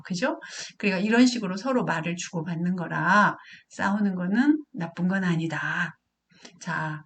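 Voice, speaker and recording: A woman's voice: mid-range voice, sharp tone. A middle-aged woman lecturing parents as a counselor. She asks questions and answers them herself. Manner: acts out quotes of parent and child in a raised voice.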